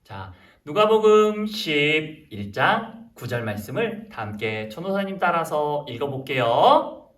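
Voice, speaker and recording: A young man, a junior pastor, leading a lively sermon for kindergarten children, coaxing and animated. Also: a little high, a little slow. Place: church room. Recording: roomy and distant.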